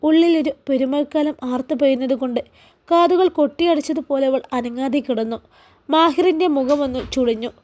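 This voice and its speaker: High-voiced woman narrating a story. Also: a little fast, a little mellow, highs cut off.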